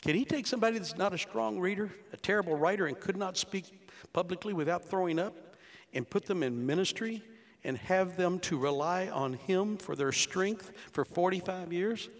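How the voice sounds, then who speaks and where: A man's voice: high voice, normal speed. A man in his sixties, a pastor preaching a conversational sermon with rhetorical questions to his congregation in a church. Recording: long hall reverb.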